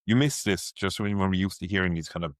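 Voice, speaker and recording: Deep fast-talking Waterford Irish man. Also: no echo, clean studio sound. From Ireland, Waterford. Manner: blunt, swears. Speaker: podcast co-host. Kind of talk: casual chat.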